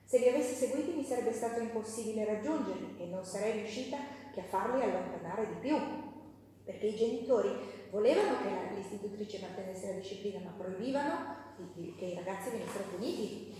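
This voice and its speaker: A woman's voice: mid-range voice, expressive, a little fast, mellow, a little hiss or hum. A woman teaching a live class, talking casually with fillers and self-corrections and reading passages from a novel aloud. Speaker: teacher leading a women's class. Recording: echoey hall, voice from far off.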